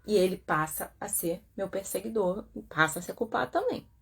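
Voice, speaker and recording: A woman's voice: mid-range voice, animated, moderate pace, creaky, husky. A Brazilian woman therapist comments on a self-help book in a chatty way, with frequent tag questions and acted-out quotes. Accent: Brazilian Portuguese.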